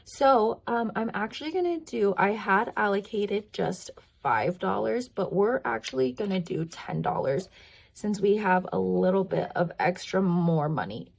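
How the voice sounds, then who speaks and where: A budgeting vlogger chats away in a croaky, creaky voice of medium pitch, expressive and unhurried. She rambles and thinks aloud, counting to herself during casual hands-on narration, her voice tiring after a long stretch of filming.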